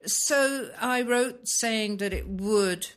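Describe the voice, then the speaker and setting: A British woman living in Spain, talking through a current issue in casual conversation, pausing often with ums as she searches for words. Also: a little high, fairly bright tone. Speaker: expat blogger discussing Brexit.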